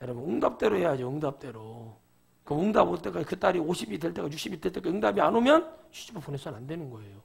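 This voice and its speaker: Middle-aged pastor guy preaching at church, high husky voice, keeps throwing questions at the crowd. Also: expressive, rapid-fire, hardly any pauses. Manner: conversational preaching with rhetorical questions to the congregation. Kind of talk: sermon. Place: church sanctuary.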